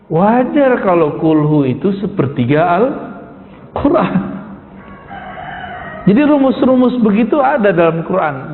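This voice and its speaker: A male preacher giving an informal sermon, putting rhetorical questions to his listeners and calling them "Pak". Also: fairly high pitch. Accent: Indonesian. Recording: echoey hall, tinny phone-like sound.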